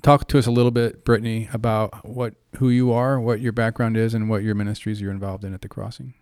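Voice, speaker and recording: A man's voice: lowish voice, level tone, fast talker, a little mellow, clean tone, dry recording, studio quality. A man hosting a casual interview, chatting in a jokey, complimentary way with his guests. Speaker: podcast host.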